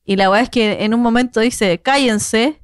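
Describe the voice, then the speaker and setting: A woman's voice: a little high, fairly even intonation, brisk, clean tone, no room sound. A young Chilean woman co-hosting a podcast, telling slangy, crude stories in casual chat. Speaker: podcast co-host.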